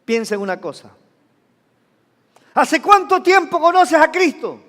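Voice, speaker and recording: A male pastor preaches a sermon in a church, his voice extremely high, bright and forceful, very animated yet unhurried. He questions the congregation, has them repeat phrases, and acts out sounds with sudden exclamations, all under the long reverb of the hall.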